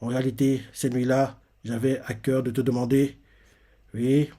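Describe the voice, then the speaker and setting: Man doing a wounded warrior's quiet thoughts. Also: flat delivery, moderate pace, lightly acted. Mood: solemn. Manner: quiet, low, earnest. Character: wounded young male warrior, inner thoughts.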